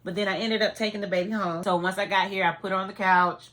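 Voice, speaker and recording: Bright-voiced woman telling an emotional story. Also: medium pitch, fairly even intonation, fast talker. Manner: heartfelt, tearful testimony with fillers. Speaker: vlogger.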